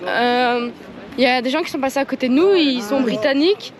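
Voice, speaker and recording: A young woman chatting casually and excitedly in slangy talk while filming a travel vlog outdoors at a busy park. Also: high-pitched, a little fast. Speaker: vlogger. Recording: outdoor recording with a crowd around. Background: crowd of visitors.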